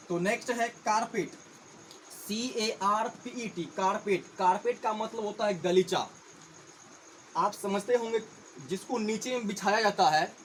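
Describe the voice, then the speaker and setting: Man, high-pitched, teaching vocabulary to viewers, addressed as friends. He spells and repeats each word. Faint insect noise in the background. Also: rough recording. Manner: spells words out letter by letter and repeats them. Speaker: English teacher. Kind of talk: vocabulary lesson in Hindi.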